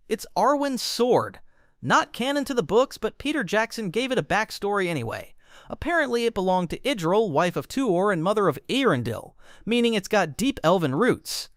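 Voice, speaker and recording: A man narrates a scripted explainer with a wry, joking delivery. His voice sits high and swoops lively up and down. The recording is close and dry, with no room sound. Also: no echo.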